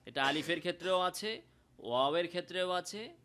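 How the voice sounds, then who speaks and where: A man with a Bangladeshi Bengali accent teaching Quran pronunciation, explaining slowly and demonstrating sounds in drawn-out chanted examples. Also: high-pitched, pushed and bright. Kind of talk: recitation lesson.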